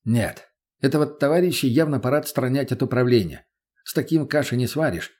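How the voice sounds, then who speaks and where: A man's voice: mid-range voice, expressive, a little fast, a little mellow. A man narrating an audiobook in the first person, in a blunt, crude, matter-of-fact manner. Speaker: audiobook reader.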